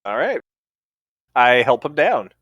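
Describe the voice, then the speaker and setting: A man plays his character in a tabletop game with a bright, forceful voice at an ordinary pitch. He jokes around constantly, mangling names and rushing ahead of the story. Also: very animated, slightly rough, dry recording. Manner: goofy, joking, playful. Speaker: player.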